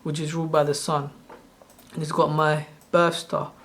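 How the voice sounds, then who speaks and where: This Sri Lankan channel host, in his thirties, gives a casual screen-share tutorial at normal speed. His slightly high, somewhat bright voice stays monotone as he explains in a loose, rambling way, frequently correcting himself.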